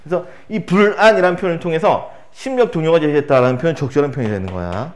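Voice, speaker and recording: Lively high-voiced man teaching literature. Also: racing. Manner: animated, asks rhetorical questions, acts out quoted lines. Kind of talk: exam prep lecture.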